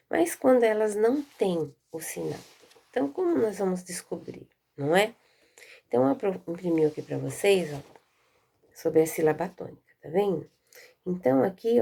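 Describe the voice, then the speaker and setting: Gravelly Brazilian woman teaching children. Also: on the low side. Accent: Brazilian Portuguese. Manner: patient, checks understanding often with "né?" and "tá vendo?"; calls out sample words loudly and slowly to show stress. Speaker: primary school teacher. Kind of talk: recorded remote lesson.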